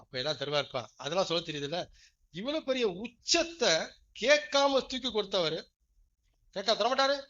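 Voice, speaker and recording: A man preaching a sermon, dropping to quiet asides and then rising to loud, stressed lines, often checking that listeners follow. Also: sing-song, moderate pace. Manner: emphatic, swings from low asides to loud stressed phrases; questions the congregation often. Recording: dull lo-fi recording.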